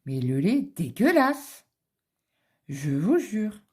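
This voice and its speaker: A woman's voice: mid-range voice, very animated, slow, a little mellow, breathy edge. A middle-aged woman, chatting casually and rambling through a story while she stitches in her home office. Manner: rambling anecdotal storytelling with many fillers. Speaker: cross-stitch vlogger.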